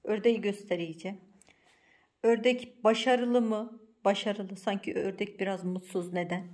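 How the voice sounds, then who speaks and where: A woman hosting a casual home vlog, talking to viewers and her daughter in an animated, exclamatory way, with a playful scolding tone. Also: mid-range voice, measured pace. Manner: switches to a cooing baby voice for the cat. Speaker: vlog host and mother. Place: home indoors.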